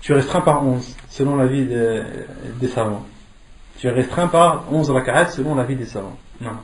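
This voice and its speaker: In an echoey room, a religious teacher gives an interactive lesson, asking questions in a didactic way and repeating key phrases for emphasis. His voice is mid-range and he speaks at normal speed.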